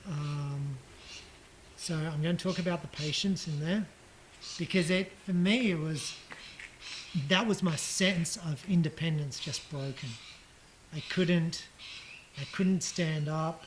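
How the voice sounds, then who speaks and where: A man giving a casual personal account of his hospital stay, halting and reflective, with frequent ums and restarts. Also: on the high side, slight background noise, low-quality recording. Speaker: patient recounting his surgery.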